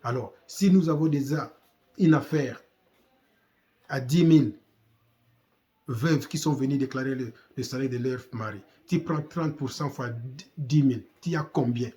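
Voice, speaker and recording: A man's voice: mid-range voice, a little slow, dark tone. A man from Congo with a Congolese French accent, giving impassioned commentary full of rhetorical questions and repetition. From Democratic Republic of the Congo. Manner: exhorting, rhetorical questions, repeats himself.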